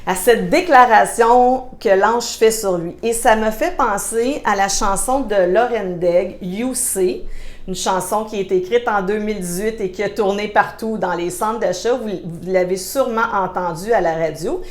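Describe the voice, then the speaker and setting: A woman with a Québécois French accent giving a devotional message in a conversational way, pausing with frequent hesitations and playful asides. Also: medium pitch. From Quebec. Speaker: church speaker giving a midweek devotional. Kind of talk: devotional sermon, reading scripture aloud. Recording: roomy echo.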